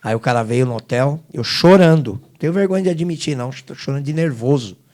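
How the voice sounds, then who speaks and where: A middle-aged man recounts a hard trip as a guest on an interview show. His voice sits at an ordinary male pitch. He jumps from loud, pressing emphasis to hushed, low-voiced asides as the story turns. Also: animated, brisk. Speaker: guest singer. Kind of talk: emotional storytelling testimony.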